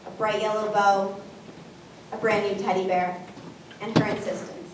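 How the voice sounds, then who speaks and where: A woman with a mid-pitched voice reads a reflective personal piece and softens on tender phrases. She sounds distant in a very echoey room, with faint noise. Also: level tone, normal speed. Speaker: performer reading a personal piece. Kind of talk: reflective spoken narration.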